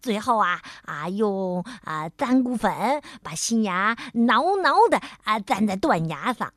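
A woman's voice: medium pitch, big pitch swings, takes it slowly, a bit bright, no echo, clean studio sound, pitched below the performer's own voice. A woman voicing a cheerful, proud male beaver dentist in a children's story, drawling with many fillers. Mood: explaining. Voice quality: drawling, filler-heavy speech.

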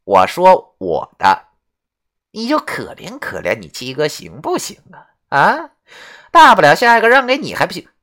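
A woman voicing a lecherous, rowdy old male ghost who blusters loudly and swears. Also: a bass voice, sing-song, moderate pace, long pauses, heavily acted. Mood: wheedling. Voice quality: swaggering, foul-mouthed, loud bluster. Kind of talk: audio drama acting.

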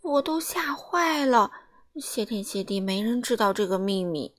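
A woman voicing a timid little man in a children's storybook, crying out in panic with loud exclamations. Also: mid-range voice, lively intonation, a little slow, lightly acted. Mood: panicky. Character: timid little man who calls himself brave.

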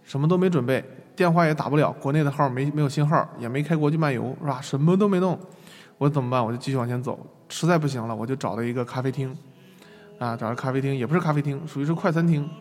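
Fast-talking man lecturing online. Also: medium pitch, long reverb tail. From China. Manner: lively, self-mocking storytelling with laughs.

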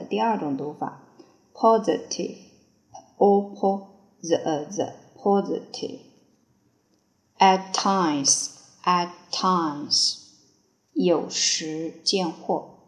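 A woman's voice: on the low side, roomy sound. A woman teaching vocabulary, spelling each word letter by letter, repeating it, then giving its part of speech and meaning. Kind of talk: slow word-by-word vocabulary drill.

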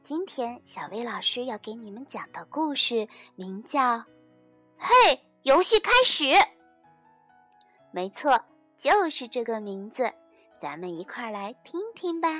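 A woman's voice: a little high, animated, normal speed, husky, dry recording, faint music behind. A woman teacher telling a children's bedtime story with playful sound effects.

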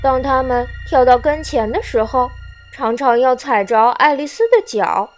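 A woman storyteller reading a children's storybook aloud in a gentle, expressive way, with soft music behind. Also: sits high, normal speed.

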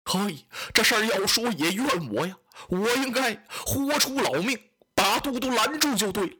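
A man's voice: high-pitched, lively intonation, normal speed, sharp tone, husky, heavily acted. A man doing a fretful old general.

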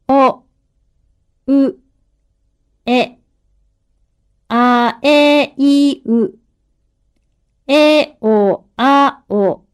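A woman reading pronunciation drills for language learners, enunciating each syllable clearly. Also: high-pitched. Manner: clear, careful enunciation of single syllables and words. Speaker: pronunciation model speaker.

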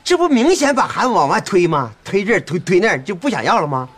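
An indignant Northeastern villager, stammering and husky, his voice high and rising and falling sharply. He sounds scandalized and keeps sputtering. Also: sing-song, fast. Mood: outraged. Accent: Northeastern Mandarin. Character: agitated, righteous village man.

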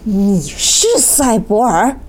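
A woman's voice: medium pitch, lively intonation, slow pace, a little mellow. A woman voicing a hot-tempered old male sorcerer who snaps and growls his questions in a children's storybook. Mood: angry.

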